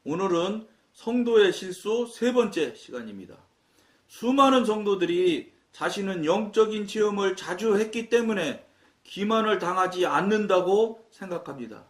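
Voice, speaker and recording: Recorded from a distance in a reverberant room, a male pastor from Chungcheong gives sermon talk in Chungcheong Korean, relating his story and acting out the conversations. His voice is high with lively intonation at a moderate pace.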